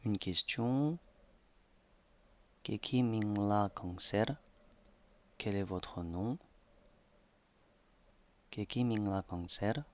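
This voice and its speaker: A man narrating a slideshow language lesson slowly, with many hesitations. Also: fairly low pitch. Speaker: language teacher.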